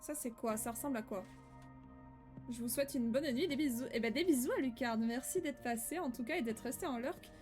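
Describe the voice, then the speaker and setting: A woman's voice: a little high, a little fast, darkish tone. A woman doing casual live let's play commentary as a game streamer, informal, chatty and affectionate with her viewers. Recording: faint game music behind.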